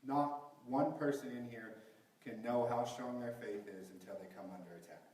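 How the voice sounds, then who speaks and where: A man's voice: mid-range voice, normal speed, a little mellow. A man preaching a sermon at a pulpit microphone, asking the congregation question after question. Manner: asks the congregation rhetorical questions. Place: large echoey church hall. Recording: very echoey, from a distance.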